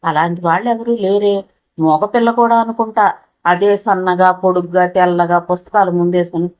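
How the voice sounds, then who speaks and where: A woman's voice: fairly low pitch, fairly even intonation, moderate pace, a little mellow, close to an everyday voice. A woman voicing a middle-aged housewife who fondly scolds her younger brother. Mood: fondly scolding. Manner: fond and scolding. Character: warm middle-aged housewife, affectionate older sister.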